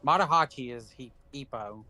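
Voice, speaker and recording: A laid-back man chats while gaming, laughing often and cursing freely. His voice sits at a middling pitch. Game music plays faintly behind. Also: moderate pace, bright, forceful tone. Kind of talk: casual chat while gaming.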